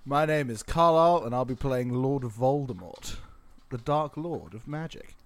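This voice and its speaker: A man's voice: medium pitch, measured pace. A man talking casually as a player in a tabletop game.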